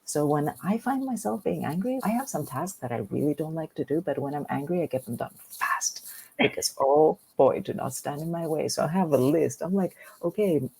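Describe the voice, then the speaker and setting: Greek-born woman with a gravelly, dark voice. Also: low voice, lively intonation, normal speed, poor audio. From Greece. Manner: earnest, repeats words when starting. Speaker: guest. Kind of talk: podcast interview.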